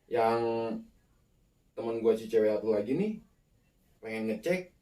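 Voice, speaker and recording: A man telling a ghost story in a casual, animated way, acting out the people in it. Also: measured pace. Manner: animated, acts out the quoted people with sharp jumps in pitch. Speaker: guest storyteller. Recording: roomy, mic far off.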